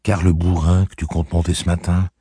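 A man reading aloud voices a spiteful older aunt who scolds and sneers in a raised, shrill voice. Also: level tone, fairly quick, mellow, slightly rough, no room sound, studio quality. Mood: venomous.

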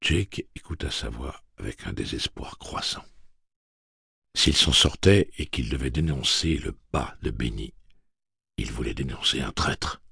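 Deep, gravelly male audiobook narrator. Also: lively intonation, unhurried, bright, forceful tone, dry recording, clean studio sound. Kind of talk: scripted narration.

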